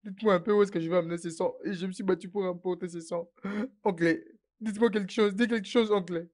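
A man's voice: high voice, fairly even intonation, quick pace, darkish tone, natural voice. An actor dubbing a desperate young man who begs and sobs for his dying mother, repeating himself. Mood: pleading. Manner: pleading, sobbing, repeating himself. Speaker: patient's son. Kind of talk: French dub of a film.

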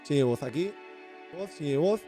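A man's voice: on the high side, expressive, brisk, dark tone, faint music behind. A man with a Spain Spanish accent, patiently guiding a teammate through a video game with repeated step-by-step directions. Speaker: gaming streamer guiding a teammate. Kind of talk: casual gameplay coaching.

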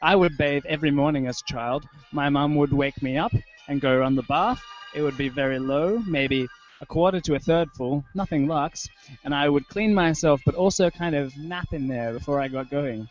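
A young Australian man with a slightly high voice reads literary personal prose at normal speed, holding a handheld microphone close. He's a writer or performer at a festival, in an indoor room on a live online video stream. The webcast sounds dull and lo-fi, with a prominent music soundscape behind him.

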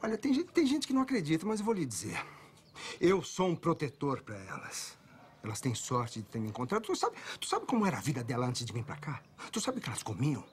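A man's voice: medium pitch, huge pitch swings, quick pace, slight background noise. A man acting a scornful, self-righteous brothel owner in a film drama, talking with swagger and threat. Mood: boastful.

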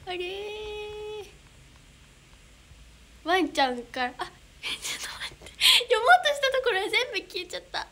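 Reading fan comments during a casual livestream, a young adult idol with a Kansai Japanese accent comes across bubbly, giggly and easily flustered. Her voice is extremely high with big pitch swings, fast and fairly bright in tone.

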